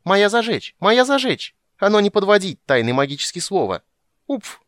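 A man's voice: mid-range voice, animated, normal speed, fairly bright tone, dry recording, studio quality, voice pushed up, close to an everyday voice. A man voicing a grubby, stubborn female gully dwarf who squeals in broken grammar. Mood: gleeful squeal.

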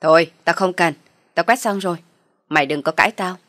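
A woman voicing a harsh, scolding older mother-in-law in a storybook reading, loud and berating. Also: on the low side, a little fast, dry recording, clean studio sound, close to an everyday voice. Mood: threatening.

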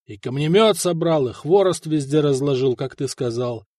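A gloomy, battle-worn soldier, as a male narrator puts him on, muttering low and blunt. The voice drops below the reader's own and stays quiet and dry. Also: moderate pace, dry recording, lightly acted.

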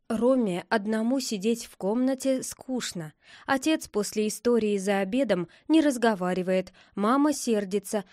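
A woman's voice: on the high side, darkish tone, no room sound, studio quality. A woman reading a storybook aloud. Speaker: narrator.

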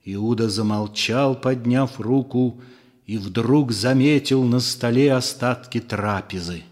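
A man narrating a literary story in a measured, dramatic reading. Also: medium pitch, a little mellow. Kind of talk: audiobook narration. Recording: long room reverb.

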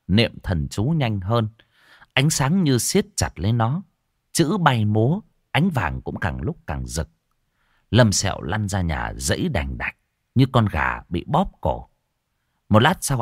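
Male horror narrator, low, animated delivery, dry close mic. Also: no room sound. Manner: dramatic storytelling. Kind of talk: ghost story narration.

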